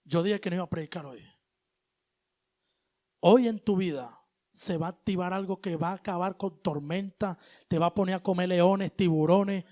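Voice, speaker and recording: A male preacher giving an animated sermon, moving between loud exhortation and hushed asides, with casual slang. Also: sits high, moderate pace. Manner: colloquial, uses street slang.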